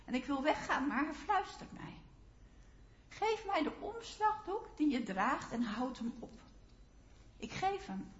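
A woman's voice: high-pitched, big pitch swings, a little slow. A woman preacher voicing Ruth, a young widow, telling her own story in first person during a first-person sermon monologue. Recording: roomy, slightly dull sound.

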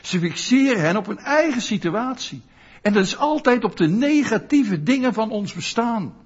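A man preaching a sermon, animated and often putting questions to his listeners. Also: high voice, normal speed, breathy edge. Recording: dull lo-fi sound.

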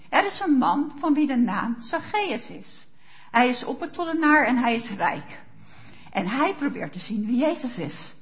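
A woman's voice: sits high, muffled recording. A woman preacher giving a sermon, speaking emphatically and asking rhetorical questions of her listeners. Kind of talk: sermon with Bible reading.

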